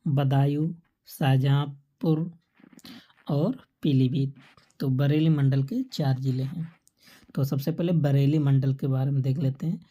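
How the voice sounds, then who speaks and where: A woman's voice: rumbling low, dark tone. A woman teaching an exam-prep lesson, asking questions and answering them herself while repeating the key facts to memorize. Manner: quizzes listeners and answers her own questions.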